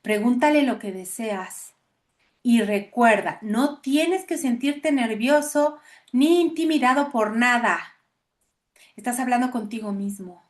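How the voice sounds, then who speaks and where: A woman's voice: on the high side, slow. A woman reading the lines of a kind, reassuring spiritual teacher.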